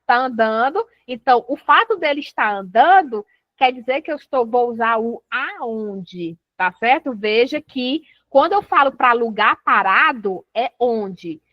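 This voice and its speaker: A woman's voice: on the high side, animated, a little slow, no echo. A woman teaches a grammar revision lesson in a chatty, informal way. She keeps checking in with her listeners as she explains. The sound is dry and a little dull. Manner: chatty, repeats "tá certo?" and "né?" often.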